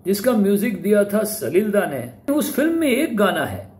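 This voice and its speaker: In a roomy, echoing space with faint background noise, a man presents film music history in Hindi sprinkled with English words. His high, darkish voice swings hugely in pitch at normal speed, and his informal, explanatory talk refers to artists respectfully.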